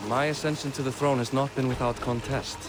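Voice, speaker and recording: For a video game, an actor voices a genial yet world-weary Viking king, delivering dramatic lines in a medium-pitched, steady, slightly quick, natural voice. His mood is troubled and wry, and he speaks in a self-deprecating way with old-fashioned phrasing. Music plays behind the voice.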